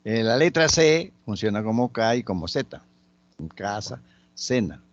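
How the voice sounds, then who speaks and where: A man teaching a lesson on letters and sounds, slowly and patiently listing example words one by one. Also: on the low side, animated, dry recording, lo-fi sound. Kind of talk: spoken grammar lesson.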